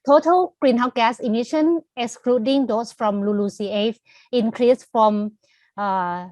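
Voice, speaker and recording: A woman's voice: on the high side, slow, darkish tone, dry recording. A woman giving a formal webinar presentation, steadily reading out statistics. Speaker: presenter from a Thai greenhouse gas agency.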